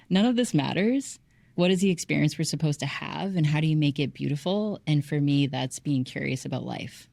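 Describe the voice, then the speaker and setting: Low-voiced woman, emphatic and close. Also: a little mellow, dry recording. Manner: emphatic, earnest, sweary. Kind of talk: casual chat.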